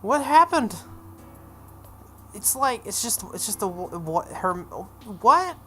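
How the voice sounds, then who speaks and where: Narrating a visual novel, a man stumbles over the words at times and drops casual asides in between. He speaks slowly in a high-pitched, sharp voice that swings widely in pitch. Soft background music and noticeable background noise accompany him.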